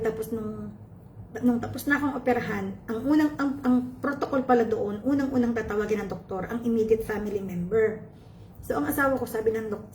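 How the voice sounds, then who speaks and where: A woman's voice: medium pitch, warm tone, a little hiss or hum. A woman vlogger tells her viewers a personal story with feeling, often turning to address them and mixing in English phrases. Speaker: cooking channel vlogger. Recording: echoey room with faint ambience.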